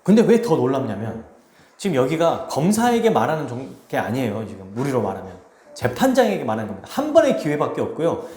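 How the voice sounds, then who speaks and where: A man preaching an expository sermon as pastor, animated and acting out quoted speech. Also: mid-range voice, quick pace. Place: church sanctuary. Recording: roomy church echo.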